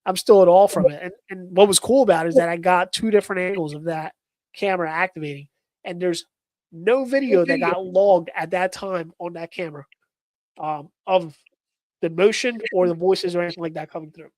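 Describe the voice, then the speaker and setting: A man, a paranormal investigator, telling a spooky story in casual live-stream chat, excitable and full of fillers. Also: high voice, a little fast, dry recording, low-quality recording.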